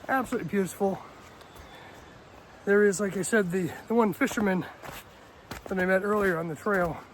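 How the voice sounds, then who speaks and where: Chatty high-voiced hiker outdoors. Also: male voice, normal speed, a little hiss or hum. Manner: chatty, self-deprecating, laughs often. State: out of breath. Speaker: hiking vlogger. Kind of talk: casual outdoor vlog narration. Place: snowy mountain trail outdoors. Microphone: handheld phone.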